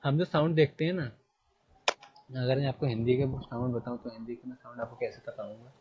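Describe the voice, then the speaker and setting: A male English grammar teacher in a classroom, repeating his points and firing quick questions at his students. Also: medium pitch, fairly even intonation, highs cut off, slight background noise.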